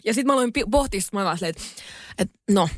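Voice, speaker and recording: A woman's voice: medium pitch, expressive, no room sound, clean studio sound. A young woman co-hosting a podcast in casual chat, talking in a loose, chatty way with many fillers and some swearing. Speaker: podcast co-host.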